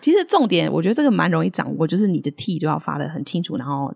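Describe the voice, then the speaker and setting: A woman co-hosts a podcast that teaches English accents, keeping things casual as a language-lesson chat. Her voice is low and husky, her delivery very animated, and she laughs often while slowly modeling English words.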